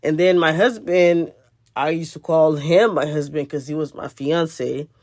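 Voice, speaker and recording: A woman's voice: low voice, unhurried, darkish tone, dry recording, clean studio sound. A woman telling a personal spiritual testimony in an earnest, conversational way, repeating phrases for emphasis. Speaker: spiritual video host.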